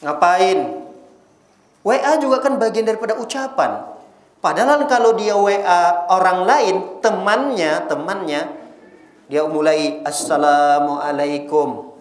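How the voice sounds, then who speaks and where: A male Islamic preacher giving a casual, lively sermon to a women's audience, often teasing them with rhetorical questions. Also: high voice, measured pace, echoey room.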